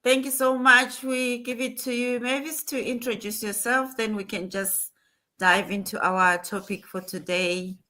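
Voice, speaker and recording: A woman's voice: fairly high pitch, level tone, measured pace, sharp tone. A woman hosting a motivational livestream, talking in an earnest, emphatic way and repeating her points. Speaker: livestream host.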